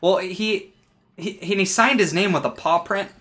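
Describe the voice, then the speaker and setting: A young man co-hosting a podcast, chatting casually with wry, deadpan asides. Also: high voice, normal speed. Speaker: podcast co-host. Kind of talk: casual chat.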